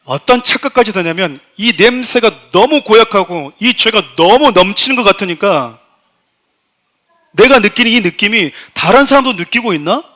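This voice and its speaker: A man's voice: sits high, lively intonation, moderate pace, pushed and bright. A middle-aged man, a pastor, preaching a sermon and telling a personal story with strong emotion, often addressing the congregation directly.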